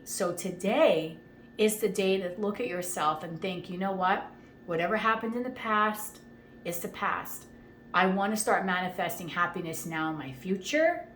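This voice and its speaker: With a fairly low-pitched, fairly bright voice, a woman gives a casual tarot reading, talking in a chatty, reassuring manner and often checking in with "okay?". She's recorded in an echoey room with faint ambient noise.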